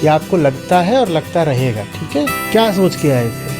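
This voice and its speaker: Guy lecturing a crowd, fairly high voice, keeps poking them with questions. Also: sing-song, normal speed, loud music behind the voice. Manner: questioning, prods listener with "hmm?". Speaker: spiritual teacher answering an audience member. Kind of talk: spoken Q&A discourse.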